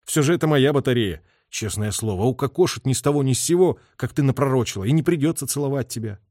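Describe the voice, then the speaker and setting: A man's voice: mid-range voice, animated, fast, darkish tone, no echo, clean studio sound, pitched above the performer's own voice, natural voice. A man voicing a young male artillery officer who talks in an insistent, half-joking way. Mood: teasing.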